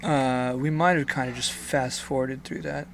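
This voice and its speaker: A man narrating a tabletop role-playing game as game master, improvising with a hesitant, halting delivery. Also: medium pitch, steady tone, gravelly, a little hiss or hum.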